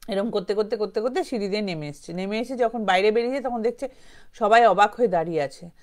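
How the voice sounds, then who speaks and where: A woman with a medium-pitched voice talks fast as she tells a ghost story informally. She rambles conversationally, mixes English words in, and lightly acts out the quotes.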